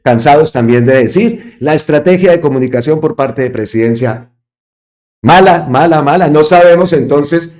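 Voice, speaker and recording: A Colombian man hosts his own online political commentary channel, speaking emphatically at a normal speed. His voice is fairly high with a darkish tone, and he repeats phrases for emphasis.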